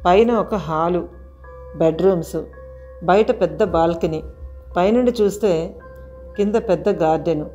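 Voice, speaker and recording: A woman narrating a haunted house audio story in an expressive, dramatic storytelling manner. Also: fairly low pitch.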